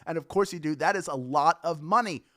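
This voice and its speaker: A man's voice: a little high, fairly quick, fairly bright tone, no echo, studio quality. A man hosting a live trivia game, reading questions in an upbeat, playful, chatty way.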